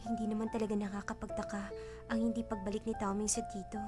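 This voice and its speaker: A woman dubbing the part of a proud, sharp-tongued poor young woman in a drama. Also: mid-range voice, level tone, quick pace, lightly acted. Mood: brooding. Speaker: dub actress. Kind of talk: Tagalog drama dub. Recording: dub with faint music underneath.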